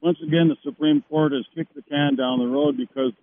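A man calling in to a radio show, holding his phone away from his mouth so his voice comes through faint and distant. He talks haltingly, with restarts. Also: fairly high pitch, fairly even intonation, slight background noise. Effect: phone held away from the mouth, voice faint and distant. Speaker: radio call-in caller. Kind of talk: call-in radio talk. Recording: tinny phone line.

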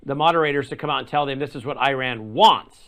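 A man's voice: medium pitch, fast talker, fairly bright tone. A man hosting an interview, mostly agreeing briefly and prompting his guest with questions. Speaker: show host.

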